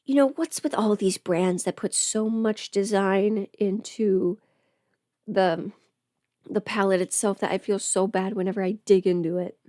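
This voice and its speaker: Doing her makeup on a livestream, a voice performer and host talks casually in a playful, absent-minded way, muttering to herself close to the mic. Her mid-range voice is steady, unhurried, and mellow, and the recording is dry.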